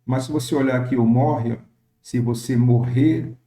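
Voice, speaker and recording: A man teaching a recorded lesson, explaining step by step with frequent pauses and fillers and reading verse examples slowly. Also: medium pitch, warm tone, roomy sound. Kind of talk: recorded lecture on poetic meter.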